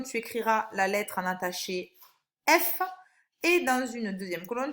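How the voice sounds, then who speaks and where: A woman, a primary school teacher, giving a recorded phonics lesson for young children, with slow, clear and encouraging instructions. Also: a little high, a bit bright. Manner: stretches out single words when reading them aloud.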